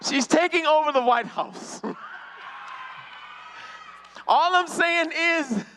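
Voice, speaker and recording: A man performs stand-up comedy at a convention, ribbing the audience from the stage and frequently breaking into laughter. He speaks slowly in a very high voice that sounds pushed and bright.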